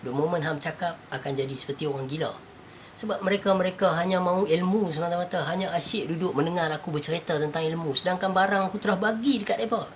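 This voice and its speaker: A man's voice: high-pitched, fast, slight background noise. A man with a Northern Malaysian Malay accent, telling a spiritual teaching story in a casual chat, acting out the people he quotes and laughing often.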